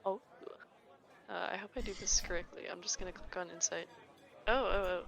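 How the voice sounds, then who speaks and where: A woman's voice: medium pitch, steady tone, fairly quick, a bit bright. A woman playing a tabletop role-playing game, chatting casually and a little hesitantly in her own voice. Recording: clear background noise, clicks.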